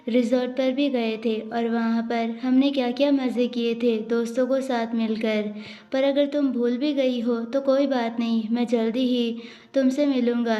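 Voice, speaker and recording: A woman's voice: fairly high pitch, warm tone, highs cut off, lightly acted. A woman voicing a young husband who is teasing, possessive and coaxing in his pleas, read in a storytelling manner. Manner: coaxing, pleading apologies.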